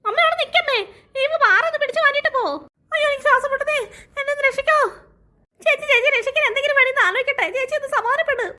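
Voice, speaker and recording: A jittery, panicky mother. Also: pushed and bright. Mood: panicked. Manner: shrill, rapid panicky exclaiming. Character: excitable, easily frightened mother. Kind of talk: cartoon voice acting.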